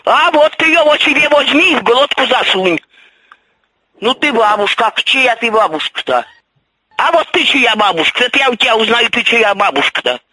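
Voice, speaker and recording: A woman's voice: a little high, expressive, normal speed, bright, forceful tone, slightly rough, low-quality recording. An older grandmother on the phone, scolding and mocking the caller over and over.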